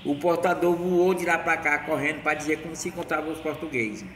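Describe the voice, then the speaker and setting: A man's voice: fairly high pitch, fairly quick, fairly bright tone, slight background noise. Man, rambling storyteller, echoey roomy sound, heard from a distance. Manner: rambling, with restarts and self-corrections. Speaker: local storyteller. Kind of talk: oral history storytelling.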